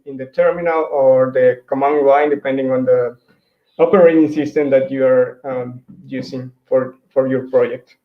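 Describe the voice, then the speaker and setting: A hesitant conference speaker from Mexico, a native Spanish speaker, talks through his slides in a virtual tech talk at an ordinary pitch, full of fillers and restarts. The echoey room and the computer mic on his video call leave the sound somewhat dull and lo-fi.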